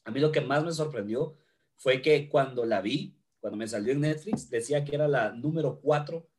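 A man's voice: medium pitch, moderate pace, darkish tone. A man from Guatemala, co-hosting a podcast in joking, crude casual chat. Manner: joking, crude, swears freely. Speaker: podcast co-host.

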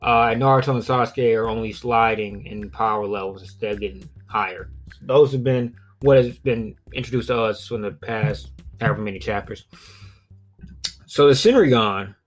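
A man's voice: on the low side, fairly even intonation, fairly quick, soft background music. A man from southern Alabama with a Southern US accent, hosting a podcast solo in a rambling, conversational, profanity-sprinkled way. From southern Alabama, United States. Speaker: podcast host. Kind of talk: casual solo podcast commentary.

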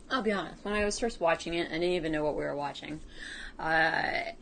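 A woman's voice: deep voice, brisk, gravelly, a bit bright. A woman co-hosting a podcast in casual comedic chat, wry and laid-back with a teasing edge. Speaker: podcast co-host.

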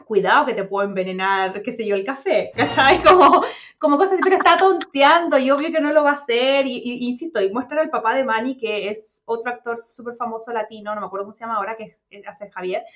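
High-voiced Chilean woman chatting fast. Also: fairly bright tone, muffled recording, slight background noise. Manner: chatty, fast, full of slang fillers. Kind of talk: casual chat.

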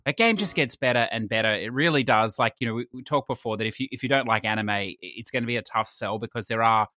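Easygoing bright-voiced podcast man. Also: mid-range voice, fast talker, dry recording, studio quality. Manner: easygoing, hedging with "you know" and "sort of". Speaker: podcast co-host. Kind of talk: casual gaming podcast chat.

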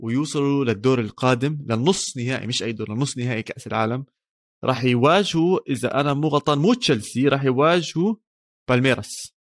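Male sports podcast co-host, Levantine Arabic accent, very rapid delivery, casual bantering style. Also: medium pitch.

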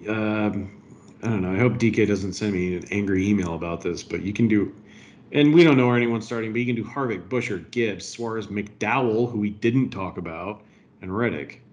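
A man's voice: on the low side, moderate pace, darkish tone. A man co-hosting a podcast, chatting casually about fantasy racing while he has the hiccups. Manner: hiccuping, laughing asides. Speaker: podcast co-host. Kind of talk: casual sports betting chat.

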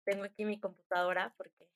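This young adult woman has a Mexican accent and a mid-range voice, and she talks fairly quickly. She's telling stories casually in a chatty, slangy, animated way, acting out bits of dialogue as she retells them.

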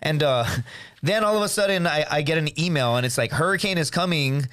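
A man in his thirties, a comedian guest on a podcast, telling stories in casual chat, animated and swearing, saying dude a lot. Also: a little high, a little fast, clear, resonant tone, no room sound. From United States.

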